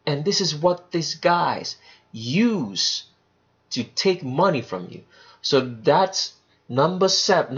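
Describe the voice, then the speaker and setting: A man's voice: medium pitch, breathy edge, muffled recording. A man hosting his channel, reading scripture aloud and explaining it in an emphatic, preachy way. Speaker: channel host. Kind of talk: bible teaching commentary.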